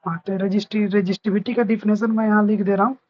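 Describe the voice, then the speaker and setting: A man's voice: sits high, level tone, fast talker, lo-fi sound. A man teaching a physics lesson, patiently repeating points and checking that his students understand. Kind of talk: explaining a lesson.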